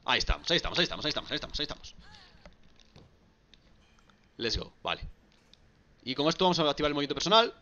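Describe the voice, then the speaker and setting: A man with a Galician Spanish accent commentating his own gameplay on a live stream, excitable and prone to shouting and repeating words. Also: on the high side, racing, pauses often, lo-fi sound, a little hiss or hum. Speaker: gaming streamer.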